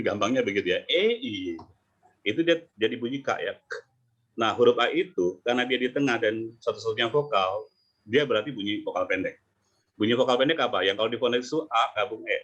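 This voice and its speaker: A man coaching English pronunciation online, talking lively and sounding out letters and words over a video call. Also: fairly low pitch, muffled recording. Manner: lively, demonstrating sounds aloud. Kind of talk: online teaching talk.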